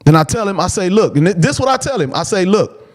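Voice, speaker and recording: High-voiced man telling a blunt story. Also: fast talker. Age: adult, father of a preteen. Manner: animated, blunt, repeats phrases, quotes himself. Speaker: host telling a personal story. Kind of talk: casual storytelling.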